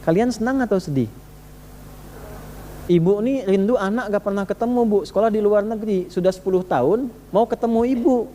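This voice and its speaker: A man preaches a sermon in a fairly high, mellow voice. He talks to his listeners directly and conversationally, hammering his points home with repeated rhetorical questions. A faint hum sits behind him. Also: fairly even intonation, fast, in a large hall.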